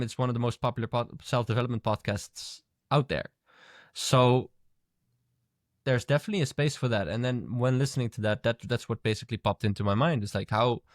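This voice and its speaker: A man's voice: medium pitch, no room sound, clean studio sound. A man co-hosting a podcast in casual chat, thoughtful and musing as he talks. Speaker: podcast co-host.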